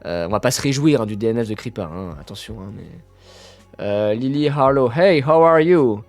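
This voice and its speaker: A man hosting a casual live stream about athletics, talking with his chat, full of fillers and sudden excited bursts. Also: lowish voice, brisk, dry recording, faint music behind.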